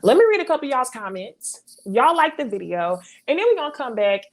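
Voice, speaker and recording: A woman's voice: sits high, big pitch swings, a little fast. A young adult woman hosting a casual reality TV recap, ranting bluntly with lots of profanity and fillers. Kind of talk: casual live-stream commentary.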